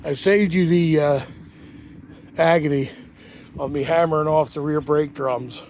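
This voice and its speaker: Outdoors on a home repair job, a home mechanic talks casually in a garage how-to style, rambling with plenty of fillers and restarts and sniffling from a lingering cold. His voice is fairly high with a darkish tone, fairly even intonation and a measured pace, and there's a little hiss or hum.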